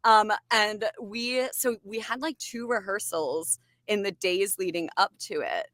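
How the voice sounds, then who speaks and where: A woman's voice: mid-range voice, a little slow, a bit bright, dry recording. A woman in her thirties with an American accent, chatting casually and animatedly as a podcast guest. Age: 30s. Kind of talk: casual chat.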